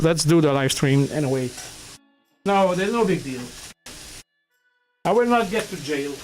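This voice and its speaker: Slow, halting man greeting his stream chat. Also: a little high. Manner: halting, with many restarts and chuckles; greets viewers and reads chat aloud. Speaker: livestream host. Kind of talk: casual livestream chat.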